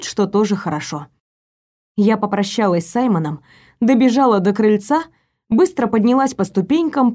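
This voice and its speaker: A woman narrating a first-person audiobook with lively storytelling, voicing the heroine herself. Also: medium pitch.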